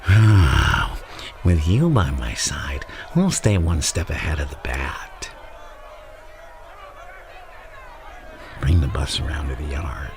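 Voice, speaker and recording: A man playing a menacing, theatrical mad clown mastermind in an ASMR roleplay, insinuating and drawn-out, with a gravelly voice that slips into breathy whispers. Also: extremely low pitch, animated, background noise, heavily acted. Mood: gleeful command. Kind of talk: ASMR roleplay villain monologue.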